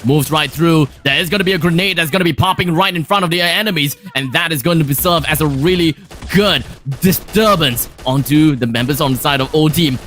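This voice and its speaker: A man's voice: a little high, a little fast, a bit bright. A man casting an esports match live, dramatic and fond of repeating phrases for emphasis. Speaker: esports caster. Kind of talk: live esports play-by-play commentary.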